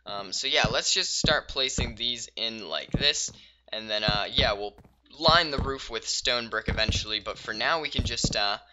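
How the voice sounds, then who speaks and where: Relaxed let's-play talk from a gaming YouTuber: he thinks aloud as he builds, full of pauses and fillers punctuated by bursts of excitement. The pitch is medium, the recording muffled, with noise in the background.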